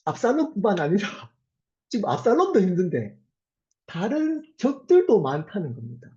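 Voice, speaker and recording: 교회에서 설교하는 남성 목사로, 억양의 높낮이가 크고 생동감 있게 말합니다. 목소리는 부드럽고 따뜻하며, 회중에게 질문을 던지고 중요한 구절은 천천히 힘주어 말합니다. 녹음은 고음이 다소 먹먹한 저음질입니다. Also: male voice, sits high, wildly swooping pitch, mellow. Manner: poses rhetorical questions to the congregation; earnest, with slow emphatic phrases. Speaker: pastor. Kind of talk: sermon. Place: church sanctuary. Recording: dull lo-fi sermon recording.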